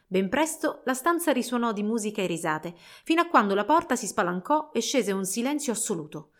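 A woman narrating a fairy tale for children in a slow, measured storytelling voice. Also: fairly high pitch, animated, fairly bright tone.

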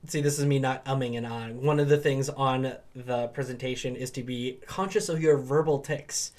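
A man's voice: mid-range voice, fairly even intonation, moderate pace, darkish tone. A man co-hosting a podcast as a professor, in rambling casual chat full of ums and restarts.

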